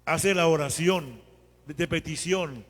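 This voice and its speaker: A male priest giving a homily in a conversational, animated way. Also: on the high side, a little slow, in a large hall. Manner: conversational, animated retelling with acted quotes.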